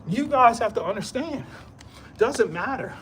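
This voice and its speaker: A man delivers a rambling pep talk straight to the camera, hammering the same lines again and again in casual street slang. His voice swoops high and low, and a thin hiss of background noise runs beneath it. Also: lively intonation, a little slow, a bit bright. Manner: repetitive, emphatic, streetwise slang. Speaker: vlogger. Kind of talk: rambling motivational monologue.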